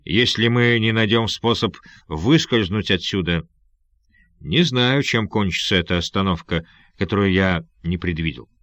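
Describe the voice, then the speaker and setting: A man's voice: low voice, unhurried, fairly bright tone, no echo. A man doing a grave, commanding pirate chief.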